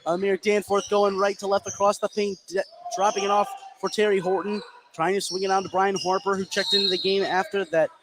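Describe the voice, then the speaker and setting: A man gives live play-by-play commentary on a basketball game from courtside in a school gym. His voice is high, his delivery flat, and his pace a little fast. The broadcast is noisy, with loud gym ambience behind him.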